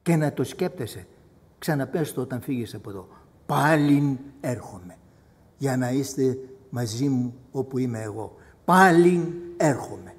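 A man preaching a sermon as pastor, impassioned, swinging between loud outbursts and hushed asides. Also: medium pitch, lively intonation, in a large hall. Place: church hall.

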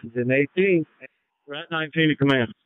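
A man's voice: fairly high pitch, normal speed, no echo. A man, a firefighter, giving terse status reports over a two-way radio. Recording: tinny, narrow-band fire radio channel.

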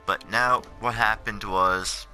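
A tired seventeen-year-old, up in the middle of the night, gives rambling, casual commentary narrating his career mode in a video game. His voice is lowish, steady, slow, pushed and bright, voiced over game menu footage with music in the background.

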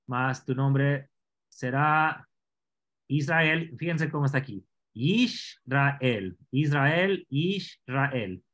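A man teaching an online scripture class, explaining Hebrew words slowly and asking his students questions. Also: fairly high pitch, a bit bright.

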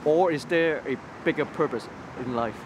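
On a busy city street by a graffiti wall, a young Cantonese-speaking guest from Hong Kong tells his own story in a personal testimony interview. His voice sits on the high side at a normal pace, and his delivery is full of restarts and repeated words, with city traffic and street noise audible throughout.

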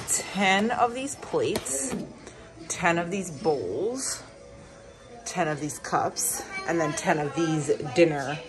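Slow low-voiced mom listing groceries. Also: female voice. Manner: lists items slowly with frequent ums. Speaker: vlogger, mother of a large family. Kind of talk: casual grocery haul narration. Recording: noisy home recording. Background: kids in the background.

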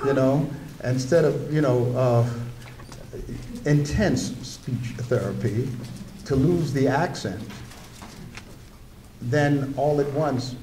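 An older guest lecturer tells stories at a wooden podium microphone in a roomy lecture room, sharing personal anecdotes and making asides to the audience. His mid-range voice is warm and slow, with frequent pauses. A little hiss or hum can be heard.

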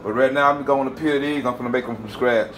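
Talking to "y'all" as he cooks in his home kitchen, a Southern US cooking channel host keeps his narration relaxed and chatty. His medium-pitched voice moves fast, and the low-quality recording carries slight background noise.

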